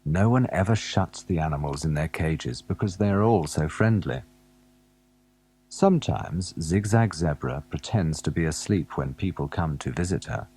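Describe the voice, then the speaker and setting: A man narrating a children's alphabet storybook, gently asking the young listener questions as he goes. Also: rumbling low, animated, normal speed, slightly rough.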